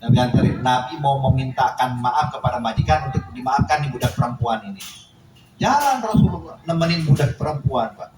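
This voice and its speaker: A man's voice: mid-range voice, lively intonation, fairly quick, over music. A man preaching a sermon, telling a story and acting out its dialogue with animation. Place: mosque or study hall. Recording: echoey hall, distant mic, noise.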